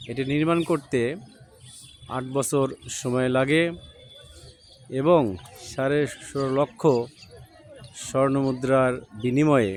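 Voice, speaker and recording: A man guides viewers through a historic palace on location, speaking in a measured, piece-by-piece way. His voice sits at an ordinary middle pitch. Faint outdoor noise and birdsong drift in behind him. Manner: measured, speaks in short broken phrases. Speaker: travel vlogger.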